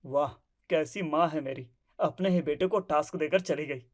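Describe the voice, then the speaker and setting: A woman's voice: sits low, moderate pace, a little mellow. A woman voicing a shy young husband who grumbles and tries to placate his wife. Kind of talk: family drama acting.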